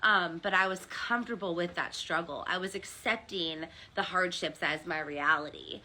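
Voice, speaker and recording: A woman's voice: on the low side, normal speed, bright, forceful tone. An American woman, a hairdresser, giving an earnest, confessional testimonial full of ums. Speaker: hairdresser turned seller. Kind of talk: personal testimonial.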